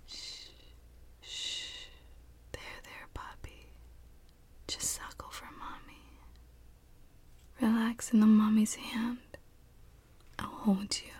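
A woman performs a whispered role-play as a doting, teasing adult partner. Her voice is very breathy and husky, with a gravelly creak. She speaks slowly in a soothing, intimate, cooing manner. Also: a little high, a little mellow.

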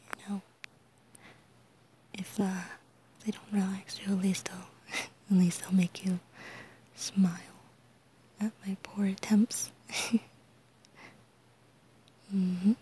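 Woman for gentle ASMR whispering, unhurried, dark mellow tone, laughs softly, some low hiss. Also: level tone, rough recording. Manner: soft whispering, giggly, slow and soothing. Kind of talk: ASMR roleplay, whispered comfort.

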